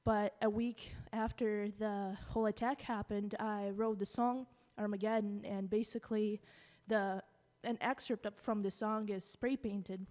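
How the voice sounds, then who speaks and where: A young woman from Russia, talking on stage between songs in a halting way full of fillers, recorded in a hall. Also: medium pitch, fairly even intonation, darkish tone. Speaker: singer-songwriter performing. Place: live event in a hall. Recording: long hall reverb with guitar behind.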